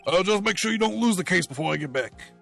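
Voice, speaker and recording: A man's voice: high-pitched, animated, quick pace, vocal fry, a bit bright, soft background music, heavily acted. A man voicing a friendly, clumsy male police detective with an eager, folksy manner, in a voiced game playthrough.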